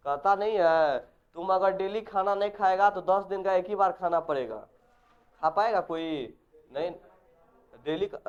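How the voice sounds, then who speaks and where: High-voiced teacher, dull lo-fi sound. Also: male voice, clear, resonant tone. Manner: instructive, assigns homework and quizzes the class with repeated questions. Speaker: physics teacher. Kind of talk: classroom lecture.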